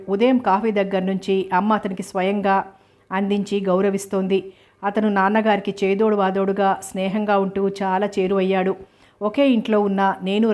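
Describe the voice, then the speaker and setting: Female audiobook narrator, steady even reading, little pitch movement, novel narration. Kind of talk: first-person novel narration.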